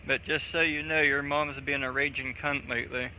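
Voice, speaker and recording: A man's pushed, bright mid-range voice comes out flat and fairly quick while he streams a game with a friend. His chat is casual, full of swearing and jokes, and the slightly dull audio has game music and a little hiss or hum.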